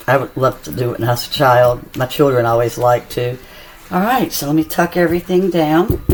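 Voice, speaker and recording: A woman's voice: low voice, noisy background. Chatty woman cooking at home. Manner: chatty and homey, talks while tasting. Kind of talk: casual cooking demonstration. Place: home kitchen. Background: soft music and kitchen clatter.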